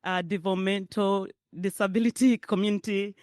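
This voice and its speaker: A middle-aged Ugandan woman gives a keynote in a chatty, conversational way. Her voice is smooth and clear. The sound is dry and close. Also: medium pitch, steady tone, normal speed, no room sound. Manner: warm, conversational, laughs often. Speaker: keynote speaker. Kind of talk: public speech.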